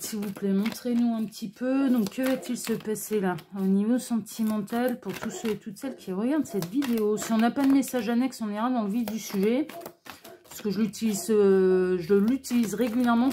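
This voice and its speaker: A woman hosting her own channel, giving a casual tarot reading to camera in a chatty style full of fillers and restarts, sometimes dropping to a quiet murmur as she draws the cards. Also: moderate pace, slight background noise. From France. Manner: chatty, many fillers and restarts, drops to a low murmur while shuffling. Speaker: tarot reader and channel host.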